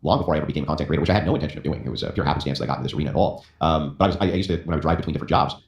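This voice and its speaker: A man appearing as a guest content creator in a casual stream debate, making his case with emphatic questions that climb in pitch. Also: racing, gravelly. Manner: argumentative, rising emphatic questions. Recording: roomy echo.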